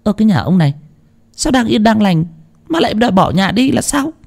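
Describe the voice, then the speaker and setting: A man voicing a sharp-tongued, skeptical wealthy wife who scolds with quick retorts. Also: high-pitched, very animated, creaky, voice pushed up, heavily acted. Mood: scolding.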